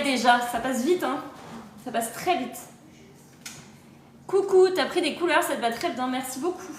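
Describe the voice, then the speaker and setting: A woman's voice: high-pitched, echoey room, slight background noise. A woman working as a kitchen-appliance sales adviser, chatting casually and cheerfully on a phone livestream and answering viewer comments. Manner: chatty and upbeat, often laughing. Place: on holiday, recorded in an echoey spot.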